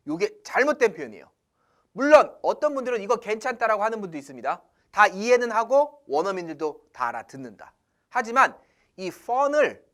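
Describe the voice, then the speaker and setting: A man leads a casual English lesson in an animated way. His pitch swings up and down as he asks himself questions and answers them. He drops English phrases in as he goes. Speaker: English teacher.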